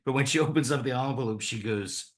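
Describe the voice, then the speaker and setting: A man's voice: mid-range voice, quick pace. A middle-aged man, a cartoonist guest, telling anecdotes in a rambling, casual way, chuckling often and restarting his sentences.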